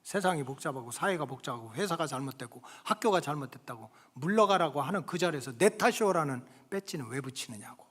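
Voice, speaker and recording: A middle-aged pastor preaches in a church sanctuary, where a long hall reverb surrounds his medium-pitched, slightly breathy voice. He tells stories in a chatty, colloquial way, often checking in with the congregation with "응?", and his delivery swings from loud exclamations to hushed whispers.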